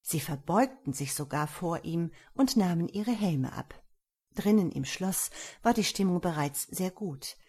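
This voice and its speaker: A woman reading a children's fairy tale with lively expression. Her voice sits somewhat low and has a husky, breathy texture. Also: measured pace. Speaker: storyteller. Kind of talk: storybook reading.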